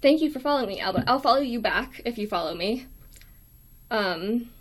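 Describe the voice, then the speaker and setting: Broadcasting from a small dorm room, a young adult woman from the US runs a casual livestream in a tentative, apologetic manner. Though her voice is weak and thin, it sits a little high and comes across animated and brisk.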